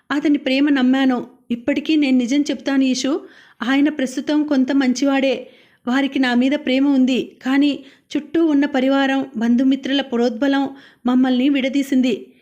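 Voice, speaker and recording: A woman's voice: sits high, darkish tone, dull audio. A woman narrating a novel as an audiobook, reading the characters' lines herself with only light changes of voice. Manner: reads all characters' dialogue herself, only lightly shifting voice.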